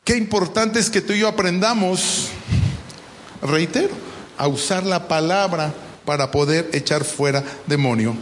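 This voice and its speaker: A man's voice: fairly high pitch, a little slow, slight background noise. A pastor preaching a sermon in a church, emphatic, quizzing his congregation with questions as he teaches. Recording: long reverb of a large hall.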